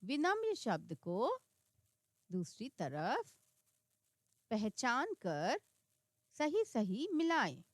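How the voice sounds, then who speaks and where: A woman teaches young children to read, saying each word slowly and distinctly. Her voice sits high and moves a lot in pitch. The recording is dry and close. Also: huge pitch swings, no echo. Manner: slow and clear, sounding out words one by one. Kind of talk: reading lesson for children.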